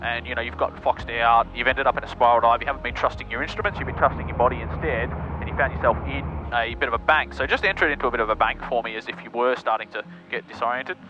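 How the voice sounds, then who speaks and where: A man's voice: mid-range voice, fast, few pauses, highs cut off. An Australian man chatting breezily and casually as a pilot vlogger, using matey slang over a cockpit headset. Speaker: pilot and presenter of a flying vlog. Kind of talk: casual cockpit chat and radio calls. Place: small propeller plane cockpit in flight. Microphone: aviation headset. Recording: band-limited aircraft headset audio, music underneath.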